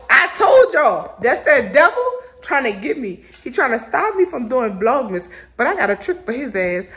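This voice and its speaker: A hoarse woman hosting her own vlog, talking high and bouncing all over her pitch. She chats in a slangy, easygoing way straight to her audience. She is recording at home in her kitchen. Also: a bit bright. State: hoarse from illness. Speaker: vlogger host. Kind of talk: casual vlog chat to viewers.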